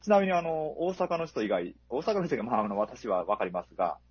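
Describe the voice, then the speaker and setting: A man's voice: medium pitch, sing-song, a little fast, breathy edge, dry recording, highs cut off. A man talking casually about a film as a podcast co-host, hesitant and full of fillers.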